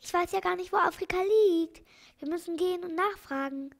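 A woman's voice: extremely high pitch, fairly quick, creaky, voice pushed up. A woman reading an audiobook, voicing a flustered, kindly old male doctor with agitated exclamations.

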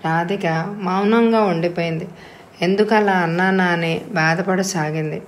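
Female audiobook narrator, steady expressive reading, echoey room. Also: fairly low pitch, unhurried, a little hiss or hum. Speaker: storyteller.

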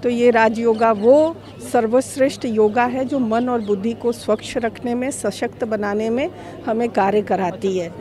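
A woman from a spiritual organization speaking calmly and instructively about meditation to a reporter. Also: on the high side, measured pace. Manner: calm, devotional, instructive. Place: outdoors at a crowded event. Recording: outdoor crowd noise.

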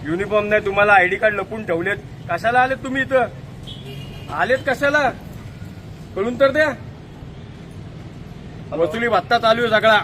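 Man, high-pitched voice, aggressive street confrontation, interrogating, phone recording outdoors. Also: moderate pace, long pauses, fairly bright tone, a little hiss or hum. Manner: aggressive, interrogating, repeating demands. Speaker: citizen activist confronting officials. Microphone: phone camera filming live.

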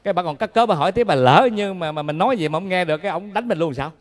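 A Buddhist monk with a Southern Vietnamese accent gives a dharma talk, telling folksy, humorous stories. His voice sits somewhat high for a man, and he often turns to ask the listeners questions. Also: animated, racing.

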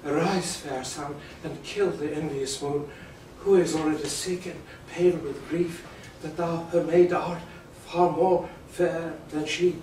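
Hushed, rapturous Romeo, as a man recites him. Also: a little high, fairly even intonation, measured pace, a little hiss or hum, close to an everyday voice. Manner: soft, hushed verse delivery. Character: young male lover, rapturous and tender. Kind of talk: Shakespeare stage recitation. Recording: very echoey room, distant mic.

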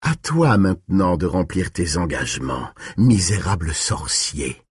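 A man voicing a suave, cruel male vampire who speaks softly, charmingly and mockingly. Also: deep voice, lively intonation, husky, no echo, studio quality, full character voice. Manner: soft, charming, mocking, slow.

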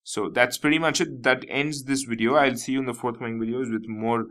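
A man's voice: medium pitch, fairly even intonation, brisk, a bit bright. A man with an Indian English accent teaching a math lesson, explaining step by step and repeating key terms. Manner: explanatory, repeats key terms, frequent "nothing but" and "you know".

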